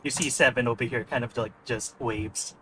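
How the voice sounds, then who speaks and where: A man narrates a tabletop game as game master, in a mid-pitched voice. His narration is halting and full of fillers. Faint music plays behind him. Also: fairly even intonation, pushed and bright.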